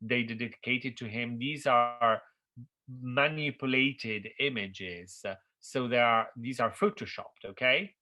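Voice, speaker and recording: Middle-aged man, Italian first language, university lecturer; bright timbre, loose, searching delivery. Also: medium pitch, slow. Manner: thinks aloud with frequent fillers and restarts, checks in with "okay?". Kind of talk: architecture history lecture.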